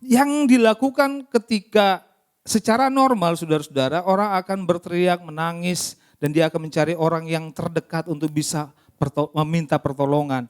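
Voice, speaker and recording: A male pastor preaching a lively, interactive sermon, often putting questions to the congregation. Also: on the high side, normal speed, smooth. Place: church service.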